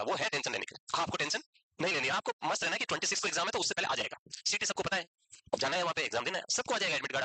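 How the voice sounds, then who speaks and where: A young male tutor talks very quickly in a sharp, forceful voice, pitched a little high. He coaches nursing exam takers in a chatty, reassuring way, slipping into stories and imitations of worried students. The sound is close and dry. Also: slightly rough, dry recording, poor audio. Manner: chatty, reassuring, tells anecdotes and mimics students. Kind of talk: casual Hindi lecture.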